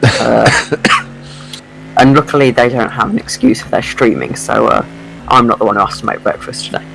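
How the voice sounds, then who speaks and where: A man's voice: mid-range voice, normal speed, vocal fry, a bit bright, a little hiss or hum, poor audio. A man chatting casually as a co-commentator on a motor racing stream. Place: at home.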